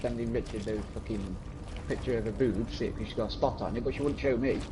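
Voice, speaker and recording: A man with a mid-range voice in casual gaming chat, who laughs often, swears and needles his friends. His headset audio carries a steady layer of noise behind him. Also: medium pitch, fast.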